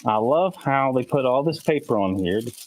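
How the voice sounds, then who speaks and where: A man's voice: mid-range voice, lively intonation, normal speed. Guy unboxing a laser machine on a livestream, talks you through it, bit winded, faint hum behind. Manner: narrates each step while working, slightly out of breath. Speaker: host unboxing a laser engraver. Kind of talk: live-stream unboxing, casual talk.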